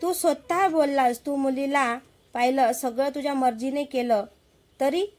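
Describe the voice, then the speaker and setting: A woman's voice: sits high, measured pace, darkish tone, soft background music. A woman voicing an angry, strict father who harshly scolds his son in a storybook tale. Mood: furious.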